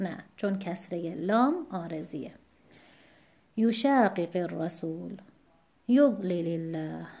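A woman teaching a recitation lesson, explaining rules and slowly reciting example words. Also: mid-range voice, darkish tone.

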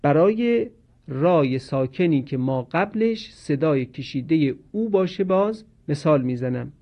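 Male recitation teacher, measured and patient, slightly high voice, muffled lo-fi recording. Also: expressive. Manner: slow, measured explanation with drawn-out recited example words. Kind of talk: instructional lesson on Quranic pronunciation.

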